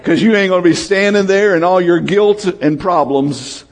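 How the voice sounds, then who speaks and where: A man preaching a sermon as pastor, calling out to his congregation, swinging between shouts and low, quiet lines. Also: moderate pace. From United States. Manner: lively preaching, calls out to the congregation, rises to shouts and drops low.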